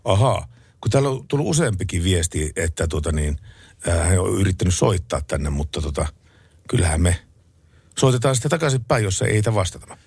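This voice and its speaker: A man hosting a late-night radio show and chatting in a relaxed way about listener requests and the news. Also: sits low, gravelly, slightly rough, dry recording. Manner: relaxed, chatty and easily amused. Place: radio studio. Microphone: close studio microphone.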